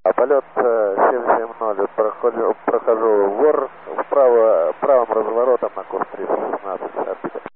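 A man's voice: on the low side, moderate pace, hardly any pauses. A man speaking as an airline pilot in clipped readbacks over a radio transmission. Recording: tinny cockpit radio with faint noise.

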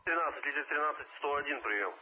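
A man's voice: a little high, expressive, fast talker. A man, a firefighter crew leader, gives terse, formal reports over a two-way radio, using call signs and closing each transmission with "over". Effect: heard over a two-way radio. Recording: muffled radio transmission with faint hiss.

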